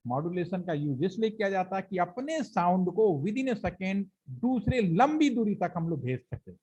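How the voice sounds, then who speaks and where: A man's voice: high-pitched, lively intonation, normal speed, mellow, slightly rough, poor audio. A man teaching a training class, explaining step by step and asking and answering his own questions, with his speech. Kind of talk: classroom lecture.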